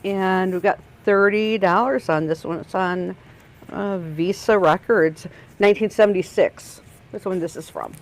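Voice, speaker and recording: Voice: medium pitch, unhurried, low-quality recording. Easygoing co-host reading record sleeves. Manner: easygoing, reads sleeve notes aloud. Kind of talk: casual show-and-tell.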